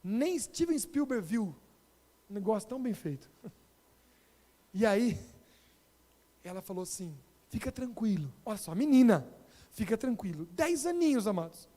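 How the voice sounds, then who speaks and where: A Brazilian pastor with a Brazilian Portuguese accent, telling a story in an animated sermon and addressing the congregation directly. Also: male voice, sits high, measured pace, pauses often. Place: church. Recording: long reverb of a church hall.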